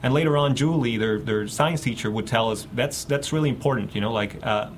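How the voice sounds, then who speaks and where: A man from Mexico, a guest researcher in a radio interview, talking haltingly with many fillers and restarts. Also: mid-range voice, a little hiss or hum.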